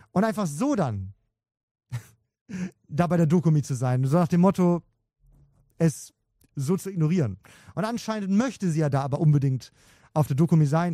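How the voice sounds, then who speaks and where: A German man with a mellow, slightly high voice shares insider gossip casually, pausing often with fillers and hesitations. The recording is dry and close to the mic. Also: no room sound. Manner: hesitant, filler-heavy, chuckling. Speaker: co-host sharing insider info.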